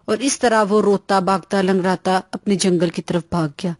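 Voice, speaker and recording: A woman narrating a children's bedtime story in a plain, even-paced reading voice. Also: mid-range voice, no echo, studio quality.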